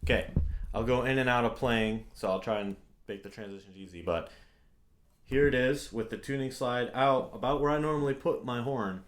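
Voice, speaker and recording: A young man giving a casual, relaxed review of a trumpet, with lots of fillers like "like" and "um". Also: mid-range voice, normal speed, echoey room.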